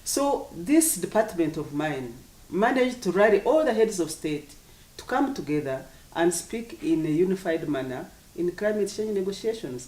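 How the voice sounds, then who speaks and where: An official with an African accent explains policy in an interview, speaking formally and deliberately, with emphatic repetition. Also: mid-range voice, darkish tone. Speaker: government official, agriculture commissioner. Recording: echoey room, distant microphone.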